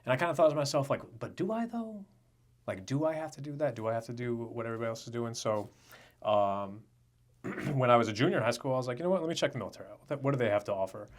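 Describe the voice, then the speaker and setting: A young man from Rhode Island, USA co-hosts a podcast with casual chat that's loose, joking and unfiltered. His mid-range voice is animated and quick.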